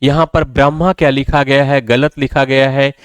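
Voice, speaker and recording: A man's voice: mid-range voice, little pitch movement, normal speed, smooth, no echo. A man teaching a spelling lesson, repeating each word and asking rhetorical questions before giving the answer. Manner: repetitive, drills words and asks rhetorical questions. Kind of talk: classroom lecture.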